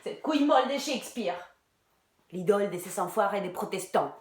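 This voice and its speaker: A woman's voice: mid-range voice, lively intonation, a little fast, roomy sound, close to an everyday voice. An actress playing a heartbroken, bitter Irish woman in a theatre monologue, crude and sardonic, sometimes dropping to a whisper. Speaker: actress in a one-woman show.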